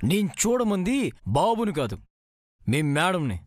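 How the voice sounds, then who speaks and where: A sardonic boss. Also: male voice, high voice, big pitch swings, a little slow, faint music behind. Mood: dry. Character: sardonic male household boss, dry. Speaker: boss of the house. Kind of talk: Telugu TV serial acting.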